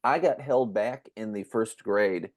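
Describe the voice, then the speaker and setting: This podcast host is a man with a lowish voice who speaks at a measured pace. His casual chat rambles along with eager restarts, full of enthusiastic fan talk.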